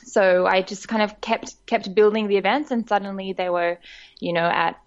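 A woman's voice: mid-range voice, fairly even intonation, normal speed, lo-fi sound. A woman from Australia, telling her story in a podcast interview, chatty and full of fillers. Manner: warm, chatty storytelling with frequent laughs and fillers. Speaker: guest, director of a women's network.

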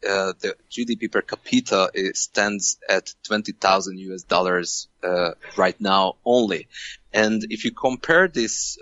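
A man from Hungary, a guest on a podcast interview, speaking in a measured way with many fillers and restarts. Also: lowish voice, fairly bright tone, dry recording, lo-fi sound. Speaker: guest, venture co-founder.

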